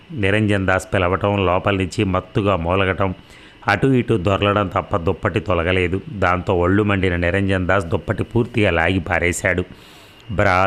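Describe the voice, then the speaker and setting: Deep-voiced male storyteller. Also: fairly bright tone. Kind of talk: scripted story narration.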